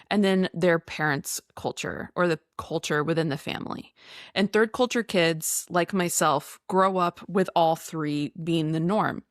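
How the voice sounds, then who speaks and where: A young woman hosting a podcast, talking in a chatty, easygoing way with quick asides and laughs, who grew up abroad. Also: on the low side, no room sound, studio quality. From grew up abroad in the Middle East. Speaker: podcast host. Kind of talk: casual chat.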